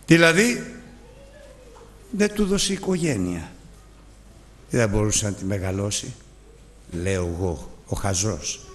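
A man preaching a sermon with great passion, swinging between loud emphatic lines and low hushed ones. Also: animated, pauses often, long reverb tail.

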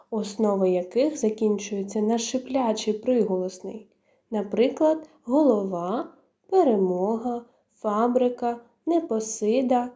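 A woman teacher, slowly dictating grammar rules and lists of example words. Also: on the high side, mellow. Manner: slow, measured, dictating word by word. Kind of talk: grammar lesson, reading rules and word lists.

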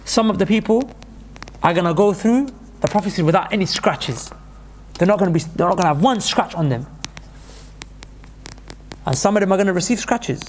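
A man's voice: high voice, expressive, brisk, long pauses, slight background noise. A man giving an urgent, emphatic sermon, repeating points for stress. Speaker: preacher.

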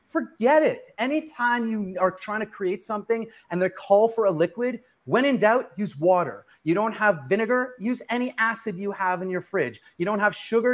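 A middle-aged male chef giving a live cooking demonstration in a home kitchen studio, talking emphatically and answering his own questions. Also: sits high.

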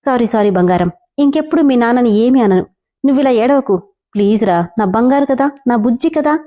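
A woman's voice: on the high side, fairly quick, mellow, close to an everyday voice. Woman voicing a teasing, doting young lover. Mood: soothing. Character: young man in love, teasing, boastful but doting.

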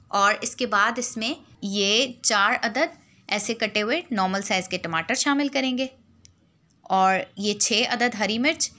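Patient cooking vlogger, woman, bright tone, clear step-by-step explainer. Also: a little high.

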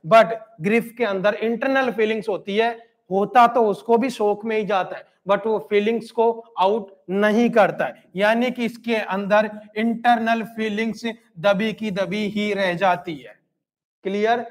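A male teacher with an Indian accent giving a live exam-prep lecture, repeating points and checking in with "okay" and "clear". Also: sits high, steady tone, a little slow. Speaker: nursing exam coaching teacher.

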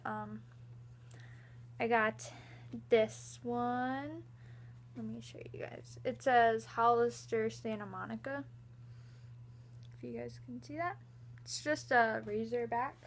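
A woman's voice: fairly high pitch, sharp tone. Chatty young woman vlogging from her bedroom. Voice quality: slight lisp from a retainer. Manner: chatty, giggly, rambling. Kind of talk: casual vlog chat.

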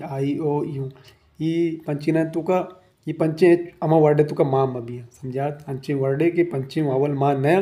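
A man with a Balochi accent lectures on English grammar, working through the rules one at a time and regularly checking that his students follow. His voice sits a little high but sounds mellow and relaxed. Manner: explains step by step, often checking "understood?".

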